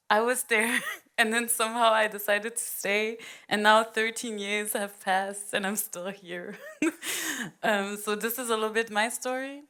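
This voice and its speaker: A woman in her thirties from Rwanda, speaking as a panel guest in a reflective, hesitant way with frequent pauses and laughs. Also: medium pitch, fairly bright tone, clean tone. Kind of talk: panel conversation.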